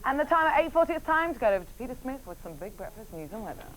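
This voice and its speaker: A woman's voice: fairly high pitch, very animated, very fast, poor audio. A young woman co-hosting live breakfast television in a bubbly, enthusiastic manner. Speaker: breakfast TV co-host.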